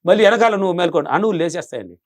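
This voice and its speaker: Guy talking super fast and kinda high, spiritual teacher, keeps repeating himself for emphasis. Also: animated, no room sound. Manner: emphatic, repeats lines, laughs often. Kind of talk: animated explanation.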